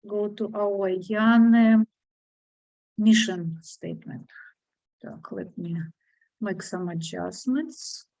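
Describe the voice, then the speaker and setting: A woman with a foreign accent leading an online discussion group, speaking haltingly with many fillers and restarts over a video call. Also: medium pitch, vocal fry, mellow, no echo, rough recording.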